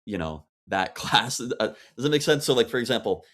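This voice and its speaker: A man's voice: mid-range voice, lively intonation, fairly quick, a bit bright. A man talking as a podcast panelist in casual chat, rambling and saying "like" a lot.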